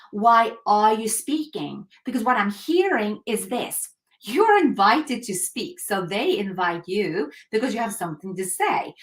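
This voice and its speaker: Hosting a coaching webinar, an earnest woman motivates her live call emphatically, posing rhetorical questions along the way. Her voice is mid-range and a bit bright, and throat-clearing comes up again and again.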